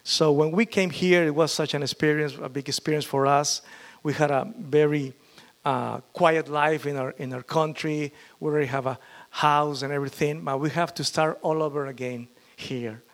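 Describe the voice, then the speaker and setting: Middle-aged pastor, fairly high for a man, halting, full of restarts. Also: steady tone. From Peru. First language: Spanish. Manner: halting, with frequent fillers and restarts. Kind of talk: testimony sermon.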